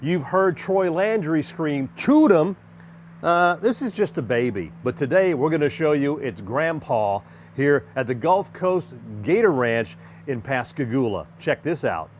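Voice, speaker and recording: A man's voice: mid-range voice, animated, unhurried. A man hosting on location in a casual, conversational way. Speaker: host. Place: outdoors at a swamp ranch. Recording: slightly distant, noisy outdoor location.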